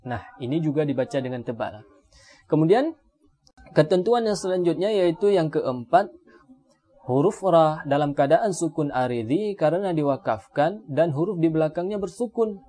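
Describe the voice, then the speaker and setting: A man with an Indonesian accent gives a steady Quran recitation lesson, explaining each rule calmly. He stretches Arabic example words out slowly. His voice sits a little high but sounds dark and mellow. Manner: slow drawn-out Arabic demonstration words between calm explanation. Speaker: tajwid teacher.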